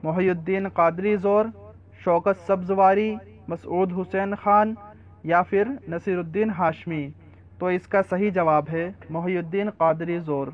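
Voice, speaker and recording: A high-voiced man reads quiz questions one by one, lists the options, and then announces the right answer. The recording sounds slightly dull and lo-fi, without much crispness at the top. His delivery is even and methodical, like a study-guide narration. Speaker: quiz presenter. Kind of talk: reading out multiple-choice quiz questions.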